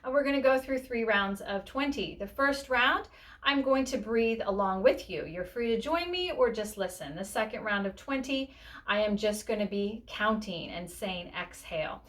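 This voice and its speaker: A woman's voice: mid-range voice, expressive, normal speed, a bit bright. A woman yoga instructor giving a step-by-step spoken breathing lesson, explaining instructively with casual check-ins.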